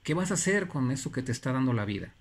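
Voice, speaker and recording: A man giving an earnest, preachy motivational talk. He repeats phrases for emphasis and pauses between them. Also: medium pitch, sing-song. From Mexico. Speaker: motivational speaker.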